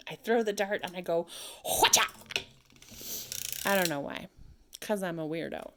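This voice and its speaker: Cranking a clicking sock machine at home, a married adult woman talks casually into her vlog at a fairly quick clip. Her voice sits low, the background is noisy, and she keeps up a running monologue peppered with silly noises.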